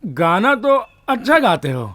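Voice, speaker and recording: A man's voice: high-pitched, big pitch swings, a little slow, a bit bright, no echo, full character voice. A man voicing a lovesick village daydreamer who talks boastfully in a dubbed film. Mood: chatty. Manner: chatty, boastful.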